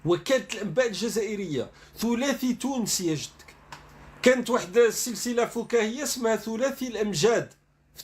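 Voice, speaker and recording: A man giving sarcastic online commentary, reading news dispatches aloud and then mocking them. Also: high-pitched.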